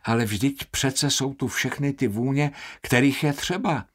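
A man voicing a strange young perfume apprentice with a croaking, creaky voice, speaking pushily and insistently. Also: medium pitch, fairly bright tone, voice pushed up, lightly acted. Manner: pushy, insistent repetition.

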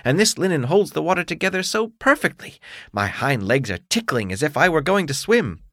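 A cheerful frog, gleeful and enthusiastic, as a man puts it on. The voice jumps up high with lively pitch, close and dry. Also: brisk, no echo.

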